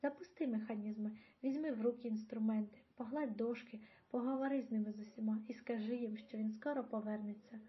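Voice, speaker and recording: Woman doing a frail grandmother, tender, quiet, audiobook, a bit high. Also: steady tone, quick pace, natural voice. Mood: quiet grief. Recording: dull lo-fi audio.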